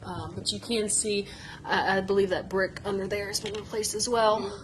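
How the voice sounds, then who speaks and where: A woman calmly explaining the history of an old house on a tour, with hedges and fillers. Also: mid-range voice, normal speed, slight background noise, poor audio. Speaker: history museum staff giving a house tour.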